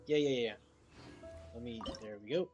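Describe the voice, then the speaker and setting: A man's voice: mid-range voice, lively intonation, moderate pace, dull audio, over music. Casual man commentating over gameplay. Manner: informal, slangy, addressing viewers. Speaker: video game streamer.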